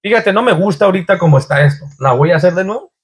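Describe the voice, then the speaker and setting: A high-voiced man with a husky edge preaches from the pulpit of a church. He leans into rising, pleading questions as he works through his sermon. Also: expressive, rapid-fire. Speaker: pastor.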